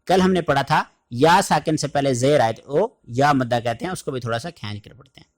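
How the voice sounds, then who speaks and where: A man teaching Quran recitation in an online lesson, explaining letter sounds and then reciting verses in a slow, drawn-out chant. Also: medium pitch. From Pakistan.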